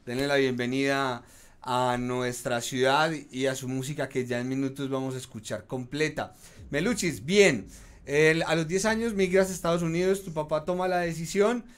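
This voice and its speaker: A man's voice: mid-range voice, normal speed, smooth. A man, hosting a live studio interview and talking to his online viewers, at a studio mic. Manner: chatty, talks to online viewers. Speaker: host. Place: small studio, indoors. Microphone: studio mic on a stand.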